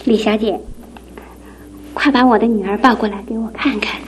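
A woman's voice: a little high, fairly even intonation, normal speed, a little hiss or hum, close to an everyday voice, poor audio. An actress playing a long-suffering wife and mother in an emotive, theatrical radio drama style. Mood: happy, tender.

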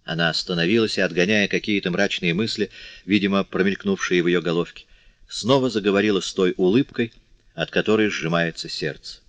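Deep-voiced male audiobook narrator. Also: fairly quick, a bit bright, no echo. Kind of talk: classic novel audiobook narration. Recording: dry, slightly dull audiobook recording.

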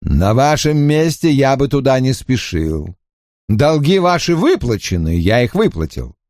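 A man voicing a cold, measured, sinister gentleman in an audiobook. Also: medium pitch, sing-song, no echo, clean studio sound. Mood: scornful.

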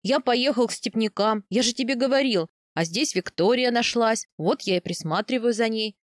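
A woman voicing a big, bearlike man who answers gruffly and defends himself indignantly. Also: on the high side, normal speed, dry recording, studio quality, natural voice. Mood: defensive.

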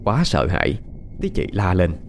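A man narrating a ghost story in a dramatic, expressive way. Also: deep voice, normal speed, creaky, a little hiss or hum.

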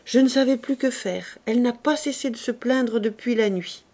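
A woman reading aloud, voicing a caring young woman who speaks gently and earnestly, growing urgent with worry. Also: a little high, moderate pace, pitched above the performer's own voice. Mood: anxious. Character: caring young woman, anxious but tender.

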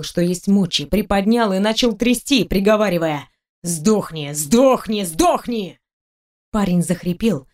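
A woman narrating an audiobook in an even, expressive reading voice. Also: a little high. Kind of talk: scripted narration.

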